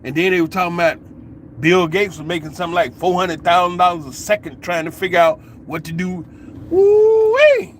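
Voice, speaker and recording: Animated, slangy male storyteller. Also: on the high side, fast, slight background noise. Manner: animated storytelling, colloquial, laughing asides. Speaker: vlogger. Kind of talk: casual opinion monologue.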